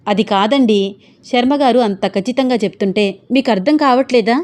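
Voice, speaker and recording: A woman's voice: a little high, normal speed, darkish tone, close to an everyday voice. A woman voicing a firm, traditional middle-aged mother who insists sternly in a storybook reading.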